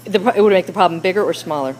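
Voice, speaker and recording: A woman's voice: lowish voice, rapid-fire, darkish tone, a little hiss or hum, low-quality recording. A woman teacher leading a classroom discussion with children, coaxing them with question after question.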